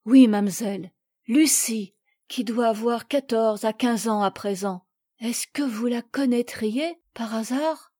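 A woman reading the lines of an emotional, rough sailor in a storybook, with a bright voice in a dry room. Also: fairly high pitch, takes it slowly, dry recording. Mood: effusive. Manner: effusive, exclaiming. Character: sailor, middle-aged man, rough, emotional.

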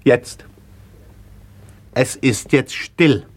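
A man's voice: mid-range voice, very slow, dry recording. A polite hired handyman in a radio play, earnest and deferential, eager to please. His voice is dry and close, with no room around it. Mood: assured.

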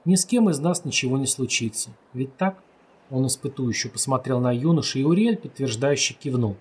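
Husky male audiobook narrator. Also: mid-range voice, lively intonation, a little fast, a little mellow. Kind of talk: scripted narration.

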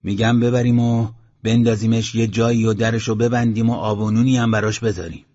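A man's voice: fairly low pitch, steady tone, darkish tone, close to an everyday voice. A man voicing a shrewd, wise male villager who speaks firmly and with calculation, on a dull lo-fi audiobook recording. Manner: calculating, firm.

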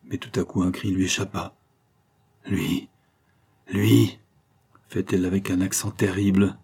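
A man reading a novel aloud as an audiobook narrator, with a measured, deliberate storytelling delivery. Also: deep voice, monotone, darkish tone, a little hiss or hum. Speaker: audiobook reader. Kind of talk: scripted literary narration.

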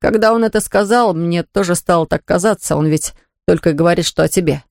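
Reader as an earnest young guy begging his girl, middle pitch, dry close sound. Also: fairly quick, gravelly, a little mellow, no room sound, natural voice. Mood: imploring. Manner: earnest, imploring. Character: ardent young man in love.

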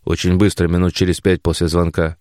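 A weary old father lying ill, read by a man in his own very deep, dry voice. Gruff and tired, he speaks close to the mic. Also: flat delivery, a little fast, a little mellow, no echo. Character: weak bedridden older father, gruff. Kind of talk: audiobook character voice.

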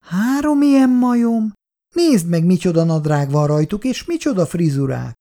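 An actress playing a frightened young woman in a 1960s radio drama, with a high voice that turns shrill. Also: sing-song, warm tone. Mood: curious, mocking.

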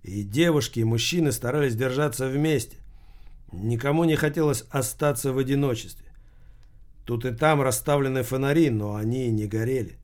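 A man narrating a crime novel audiobook in a steady, measured reading voice. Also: mid-range voice.

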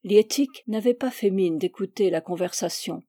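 Woman narrator, measured literary audiobook reading, warm and dry. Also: mid-range voice, no room sound. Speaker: reader.

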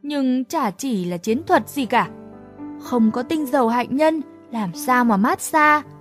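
A woman voicing a brash, loud teenage boy. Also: high-pitched, expressive, takes it slowly, soft background music. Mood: bossy. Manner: shouting, bossy, hot-tempered. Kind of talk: audiobook character voice.

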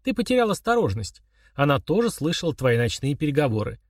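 A man voicing a calm, mocking young man who chats casually while confessing murder to his father. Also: fairly high pitch, quick pace, breathy edge, no room sound, clean studio sound. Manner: chummy, sneering, confessional tone.

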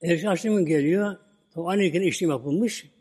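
A man gives a storytelling sermon in a husky, breathy voice that sits a little high yet sounds mellow. He retells the tale at an easy pace and ends his phrases with a habitual filler. His voice rings out with a long reverb, as if recorded in a large hall. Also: a little fast. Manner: relaxed retelling, "böyle" at line ends. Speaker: preacher. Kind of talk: religious talk with storytelling.

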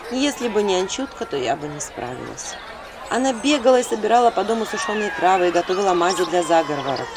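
Lively woman reading a story aloud. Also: fairly low pitch, background noise. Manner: lively, acting out quotes. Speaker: audiobook narrator.

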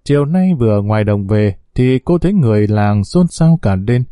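A man reads an audio story in a steady, even narration. His voice is dark and mellow, recorded close and dry with no room sound. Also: lowish voice, moderate pace, dry recording.

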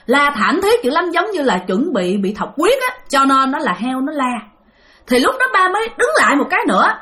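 Southern Vietnamese woman, lively high-pitched ghost-story narrator. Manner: animated, addresses listeners often. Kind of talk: spoken ghost story told to listeners.

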